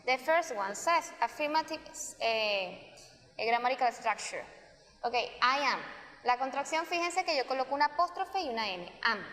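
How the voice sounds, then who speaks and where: A woman from Venezuela, a Spanish-speaking English teacher, explaining grammar step by step in a recorded lesson and repeating key forms slowly. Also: high voice, a bit bright. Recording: long reverb, roomy sound.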